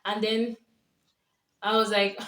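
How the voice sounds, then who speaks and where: Speaking slowly at medium pitch with little pitch movement, a young Nigerian woman with a slightly bright voice tells stories and gives casual relationship advice on camera, often laughing. She has a Nigerian accent, speaks Yoruba, and is a vlogger and coach. The recording is roomy, taken from afar.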